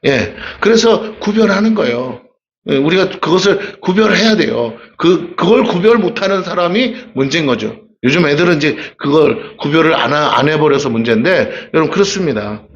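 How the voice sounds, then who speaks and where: A man's voice: fairly high pitch, animated, normal speed, muffled recording. A man with a Gyeongsang accent preaching a sermon in a church, talking conversationally and asking the congregation rhetorical questions. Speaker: pastor. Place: church sanctuary.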